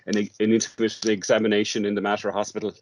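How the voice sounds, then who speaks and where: A drama workshop facilitator, appearing as a guest in a casual interview, talks about his work, frequently restarting and repeating words. His voice is lowish and level, delivered at a quick pace with a little background noise.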